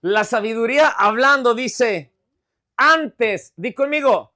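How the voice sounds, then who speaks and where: A pastor preaching with a strikingly high voice, animated and conversational, checking in with his listeners. His tone is bright and forceful. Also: moderate pace. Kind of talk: sermon.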